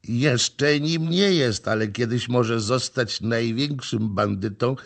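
A man's voice: medium pitch, takes it slowly, vocal fry. A man reading the part of an elegant young courtier who makes wry jokes. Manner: wry, joking.

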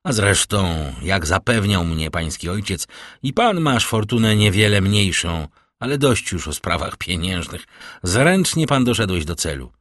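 Man doing a cool ironic count, lowish voice, slow and measured, dry sound. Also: lively intonation, a bit bright, no room sound, full character voice. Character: calm, ironic, worldly older nobleman count. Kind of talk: audiobook character reading.

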